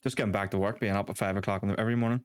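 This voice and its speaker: A man's voice: on the low side, fairly even intonation, very fast, clean tone. A tired man co-hosting a casual banter podcast, laid-back and easygoing. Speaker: podcast co-host.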